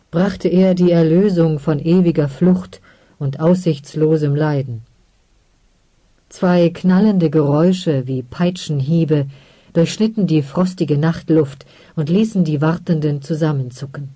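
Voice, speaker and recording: Brief: calm audiobook narrator, slow and measured, mellow tone, dry close recording. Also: mid-range voice, dry recording. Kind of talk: scripted narration.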